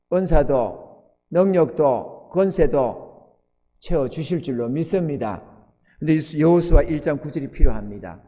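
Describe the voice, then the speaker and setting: A man preaching in a high, lively voice that leaps from quiet asides to shouted cries. He acts out little scenes in quoted voices, and his words ring with a long reverb through a church sanctuary. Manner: animated, swinging from hushed to shouted exclamations. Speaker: pastor. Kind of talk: sermon.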